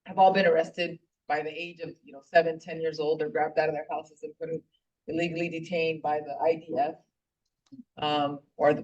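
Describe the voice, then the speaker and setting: Earnest woman speaking from afar. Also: lowish voice. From Puerto Rico. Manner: earnest, heartfelt, with frequent fillers and restarts. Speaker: guest speaker at a political club meeting. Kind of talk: impassioned personal speech. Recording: distant, dull lo-fi room recording.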